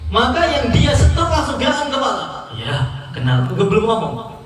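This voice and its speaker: A man preaching a sermon, his voice set high for a man. He acts out each story, jumping up and down in pitch for every speaker he quotes. The sound comes from a distance in a big, heavily echoing hall. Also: animated, fairly quick, fairly bright tone. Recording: echoey hall, heard from far off.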